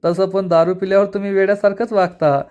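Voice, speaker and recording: A man voicing a cheeky, teasing young man who calls out loudly. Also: high-pitched, flat delivery, fast, lo-fi sound, natural voice.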